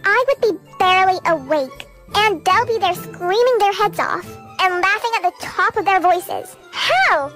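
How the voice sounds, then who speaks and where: A woman's voice: very high-pitched, moderate pace, few pauses, fairly bright tone, soft background music. A young woman ranting in a chatty, exasperated vlog monologue. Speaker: vlogger. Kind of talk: relatable storytime monologue.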